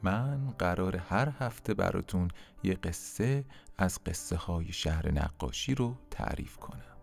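A man narrating a children's story, speaking gently and directly to his young listeners. His voice is low and gravelly, with a lively, animated rise and fall. Faint music plays behind him.

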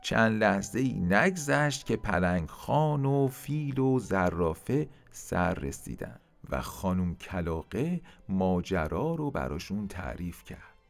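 Expressive, gravelly male storyteller. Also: deep voice, faint music behind. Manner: expressive, addressing young listeners. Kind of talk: children's story narration.

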